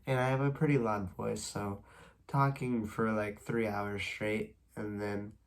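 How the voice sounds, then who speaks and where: The casual sports recap comes from a young man whose nose is stuffy and whose voice is slightly worn, speaking low and a little slowly. He moves through baseball stats at a steady clip, wandering off in short asides.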